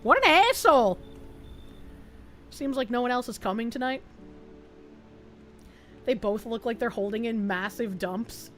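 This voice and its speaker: A woman streamer giving casual gameplay commentary, blunt and joking with quick asides. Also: on the high side, animated, fairly bright tone, faint music behind.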